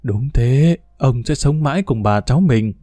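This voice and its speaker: A man's voice: medium pitch, expressive, moderate pace, mellow, dry recording, studio quality, lightly acted. A man doing a soothing old grandmother. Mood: gently teasing. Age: older. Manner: soothing, smoothing things over. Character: gentle, placating old grandmother, easygoing.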